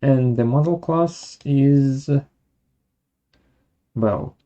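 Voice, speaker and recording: Speaking at a medium pitch, the presenter of a software webinar walks through a tutorial one step at a time, measured and halting between each stage.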